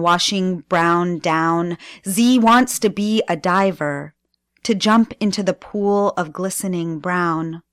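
A woman guest performing spoken-word poetry on radio, with slow, deliberate delivery and dramatic pauses. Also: on the low side, no echo, clean studio sound. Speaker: guest poet.

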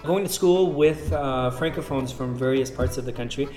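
As an interview guest, this mid-range-voiced man, a native French speaker from Southwestern Ontario in Canada, reflects calmly on growing up. He speaks thoughtfully and deliberately, sometimes hesitating or starting over, in an echoey space where faint guitar music plays.

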